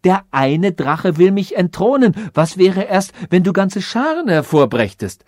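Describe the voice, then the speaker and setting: A man's voice: high-pitched, unhurried, no room sound, clean studio sound, pitched above the performer's own voice. A man doing a fretful fairy-tale king. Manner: fretful, excitable.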